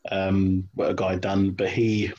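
A man's voice: low-pitched, completely flat delivery, measured pace, a little mellow. A man in casual chat about his hobby, hesitant, with many ums and restarts, on dull lo-fi call audio. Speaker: hobby wargamer guest.

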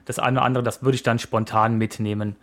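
A man's voice: mid-range voice, little pitch movement, quick pace. A man in his forties co-hosting a podcast, chatting casually in an easygoing, rambling way with frequent hesitations. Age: 40s. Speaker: podcast co-host. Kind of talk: casual chat.

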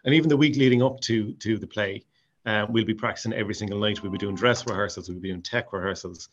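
Man, west of Ireland accent, lowish voice, quick casual interview chat, slightly dull lo-fi recording. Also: slight background noise. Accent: west of Ireland (Mayo). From County Mayo, west of Ireland. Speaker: amateur drama society actor, interview guest.

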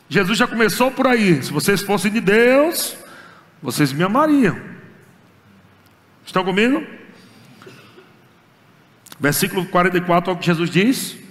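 A man with a Brazilian accent, preaching a sermon as pastor, talking with fervor and dramatic pauses. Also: high-pitched, a bit bright. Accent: Brazilian Portuguese. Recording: long hall reverb.

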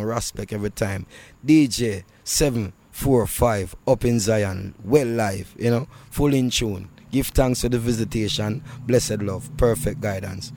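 A man's voice: fairly low pitch, darkish tone. A man with a Jamaican accent talking casually in an interview, in Rasta speech full of patois and devotional phrases. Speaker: reggae artist being interviewed. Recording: music playing behind the voice. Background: music.

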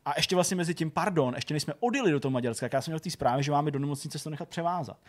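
A man's voice: on the high side, expressive. Rambling, filler-heavy man in his thirties. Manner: rambling, constant filler words and restarts. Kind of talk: casual storytelling chat.

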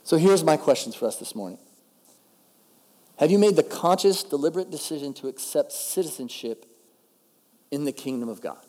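A man delivers a sermon in a chatty, emphatic way, slowing down to drive home key phrases. His voice sits a little high for a man. Long reverb from a large church hall trails each phrase. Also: expressive, darkish tone. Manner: conversational, emphatic, slows down to stress key phrases. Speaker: pastor.

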